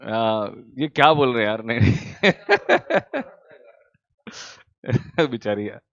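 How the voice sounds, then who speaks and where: A male commerce teacher, at home, in casual chat with students before an online class, teasing them warmly. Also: lowish voice, moderate pace. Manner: teasing, affectionate, calls students beta. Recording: dull, dry lo-fi sound.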